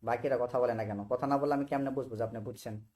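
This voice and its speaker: A man's voice: mid-range voice, fairly even intonation, fast talker, darkish tone. Bangladeshi man teaching English online. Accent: Bangladeshi Bengali. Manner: explains by repeating short phrases, checks understanding often. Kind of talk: online spoken English class. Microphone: video call.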